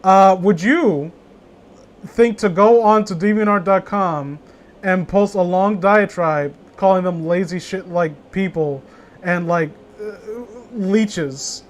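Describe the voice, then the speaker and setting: Slow and high-voiced, the man speaks against slight background noise. He's a streamer running a group story reading, and his casual talk rambles on, opinionated and thick with cursing.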